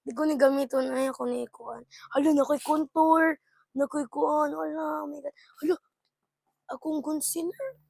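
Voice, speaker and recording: An excitable young woman talks through a casual vlog, her voice bright and high. She keeps exclaiming and switches into English as she goes. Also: moderate pace, gravelly, dry recording. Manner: excitable, exclaiming, mixes English with local talk. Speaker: vlogger.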